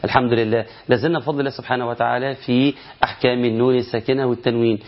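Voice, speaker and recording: A man with an Egyptian Arabic accent teaching Quran recitation rules in a lively, question-and-answer style, drawing out words to demonstrate them. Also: mid-range voice, dull audio. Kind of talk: colloquial recitation lesson.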